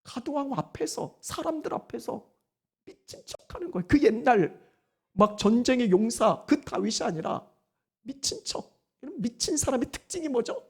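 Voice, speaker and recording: A woman pastor giving a Sunday sermon, animated and firing rhetorical questions at the congregation. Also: a little high, moderate pace, breathy edge.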